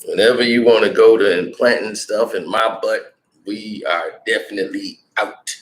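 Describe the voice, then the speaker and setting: A man vlogging, telling a casual, slangy anecdote in an animated way, in a roomy, echoey room. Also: on the low side, moderate pace, slight background noise. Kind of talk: casual storytelling.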